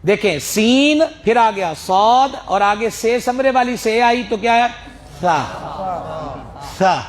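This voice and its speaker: A man teaching Quran pronunciation, drawing out letter sounds slowly, sometimes chanting, and joking with his students. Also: very high-pitched. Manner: slow drawn-out letter drills, sometimes chanted; friendly teasing asides to students. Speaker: religious teacher. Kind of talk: Quran recitation lesson.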